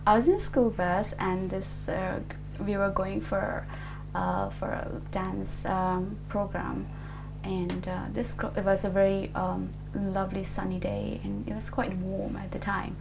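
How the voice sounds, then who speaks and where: Gravelly-voiced young woman from Nepal. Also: mid-range voice, little pitch movement, unhurried, over music, low-quality recording. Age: 20s. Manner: hesitant, many fillers and restarts. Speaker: interviewee. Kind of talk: oral history interview.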